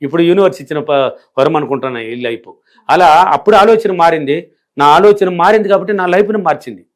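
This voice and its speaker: A man's voice: a little high, animated, fast talker. A middle-aged man from a rural village, answering interview questions as a spiritual teacher in an emphatic, repetitive way that drives each point home. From rural India.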